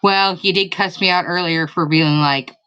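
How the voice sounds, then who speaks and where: A woman's voice: on the low side, fairly even intonation, moderate pace, pushed and bright, lo-fi sound. A woman co-host teasing her partner in casual banter. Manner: teasing, drawling. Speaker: podcast co-host.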